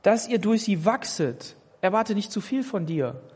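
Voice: medium pitch, big pitch swings, a little slow, darkish tone, husky. A preacher giving a sermon, speaking directly to each listener and repeating words to drive points home. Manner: emphatic, repeats words when pressing a point. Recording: long hall reverb.

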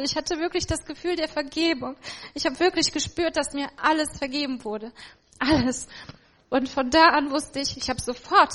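A woman's voice: high voice, a bit bright. Emotional German woman telling her testimony. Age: adult with children. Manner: emotional, reflective storytelling. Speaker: testimony speaker. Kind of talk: personal faith testimony.

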